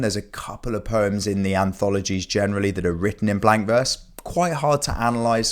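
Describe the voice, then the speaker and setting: Casual male teacher, lowish voice, chatty revision-lesson delivery. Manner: informal, chatty explaining with fillers.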